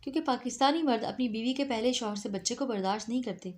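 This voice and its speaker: A woman's voice: a little high, darkish tone, lightly acted. A woman voicing an anxious, apologetic yet insistent young bride-to-be in a storybook reading.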